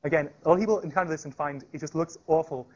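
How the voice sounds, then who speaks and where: A man giving a live technical presentation at a meetup, talking fast with frequent restarts and fillers. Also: a little high. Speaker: tech meetup speaker. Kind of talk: live technical talk with demo. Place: meetup room.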